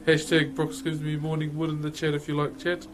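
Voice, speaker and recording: A man's voice: on the high side, low-quality recording. A man with a broad New Zealand accent chatting casually to viewers as a live streamer, laid-back and slangy. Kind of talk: casual livestream chat with viewers.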